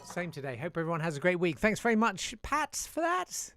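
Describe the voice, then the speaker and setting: A man's voice: high voice, huge pitch swings, brisk, a bit bright, slight background noise. A man hosting a live show in a casual, wry way, reading out listener messages with frequent hesitations. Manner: chatty, wry, many "uh" hesitations. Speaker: radio-style show host.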